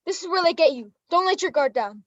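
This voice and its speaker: A woman's voice: extremely high pitch, expressive, fairly quick, no room sound, lo-fi sound. A woman playing a panicky heckler who exclaims frantic warnings in a comic school stage play. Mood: alarmed. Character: loud, panicky heckler warning storybook children of danger.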